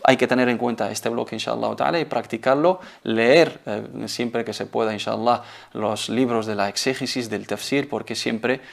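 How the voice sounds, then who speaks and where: Man, gravelly voice, mid pitch, measured teaching tone, recitation lesson host. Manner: measured explanatory teaching with Arabic phrases. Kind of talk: televised religious lesson.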